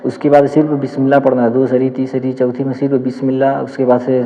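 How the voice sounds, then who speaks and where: Give me a dark-voiced man teaching prayer in a hall. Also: medium pitch, completely flat delivery, highs cut off. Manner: patient, repetitive step-by-step explaining, demonstrating as he speaks. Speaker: Islamic teacher. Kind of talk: practical religious instruction.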